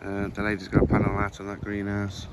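An allotment vlogger gives a casual walk-through in a fairly low, monotone voice, talking fast. Filming on a handheld phone, he covers his windy outdoor plot, where wind noise comes through, then his indoor plants in a room at home, all in a chatty, plain-spoken manner.

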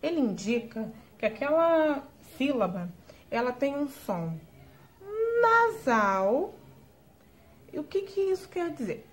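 A woman teaching a recorded lesson to young schoolchildren, slowing down to sound out each word clearly. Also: sits high, very animated. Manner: slow, clearly spelled-out words for young pupils. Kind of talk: recorded video lesson for children.

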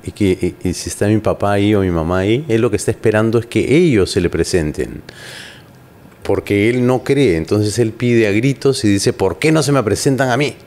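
A man hosting an interview, conversational, with quick short acknowledgements. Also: on the low side, a little mellow. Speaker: host. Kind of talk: casual interview.

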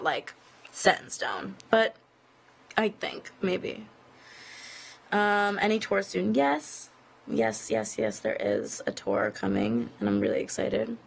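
A young woman chats through a casual live-stream Q&A, reading fan questions aloud and riffing on them. Her talk is full of "like" and small giggles. Her voice sits at an everyday pitch with a gravelly fry running through it. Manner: chatty, giggly, filler-heavy with frequent "like". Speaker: singer answering fan questions. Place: indoors at an office.

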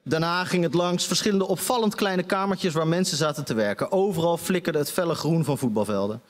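A man's voice: fairly high pitch, a little fast, in a large hall. A man giving a live reading of a satirical comic story on a stage, with dry, wry narration. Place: stage of a debate venue.

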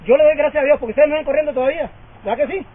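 Man in his fifties, fervent sermon, rapid delivery, tinny sound. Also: very high voice. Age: 50s. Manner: fervent, calls for amens. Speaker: preacher.

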